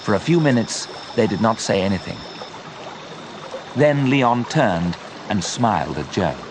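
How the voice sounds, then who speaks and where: A man narrating a simple story slowly and clearly for English learners. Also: lowish voice, noisy background. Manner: slow, clear, expressive.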